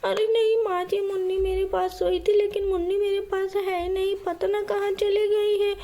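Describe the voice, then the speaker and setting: A woman's voice: very high-pitched, little pitch movement, moderate pace, mellow, pitched above the performer's own voice. Woman doing a frantic young mother. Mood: distraught. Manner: wailing, panicked. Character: frantic young mother searching for her baby.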